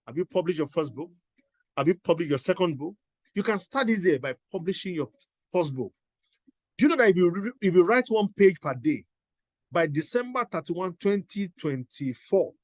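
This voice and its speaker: A man's voice: fairly high pitch, no echo. A middle-aged man giving a motivational teaching talk, emphatic and repeating his exhortations. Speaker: motivational coach.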